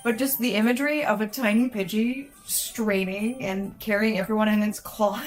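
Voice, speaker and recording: Mid-pitched woman co-hosting a game playthrough, chatty and excitable, faint music behind. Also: moderate pace. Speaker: co-host watching a video game. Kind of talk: casual gameplay chat.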